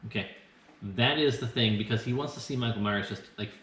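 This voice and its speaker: A man's voice: on the low side, brisk, a bit bright. A tipsy man getting drunker as he hosts a casual film review, rambling with sarcasm and crude language. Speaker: host of a movie review show. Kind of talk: casual banter reviewing films. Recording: echoey, roomy sound.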